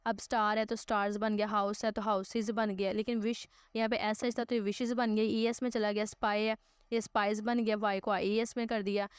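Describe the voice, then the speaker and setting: Patient woman teacher, clear voice. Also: medium pitch, little pitch movement, fairly quick, dry recording, clean studio sound. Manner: patient, repeats "ठीक है" to check understanding; mixes Hindi-Urdu with English terms. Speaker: English teacher. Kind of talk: recorded online class explanation.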